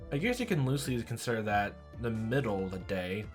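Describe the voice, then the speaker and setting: A man's voice: fairly low pitch, big pitch swings, normal speed, over music. A man reading a visual novel aloud and breaking off into casual, laughing asides. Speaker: let's play reader.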